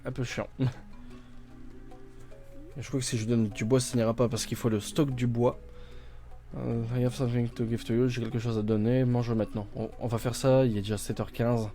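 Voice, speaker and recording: A man's voice: medium pitch, flat delivery, moderate pace, pauses often, dark tone, faint music behind. A man playing a video game on stream, thinking aloud with many fillers and restarts, reading game text out and translating it. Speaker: gaming streamer. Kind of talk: casual let's-play commentary.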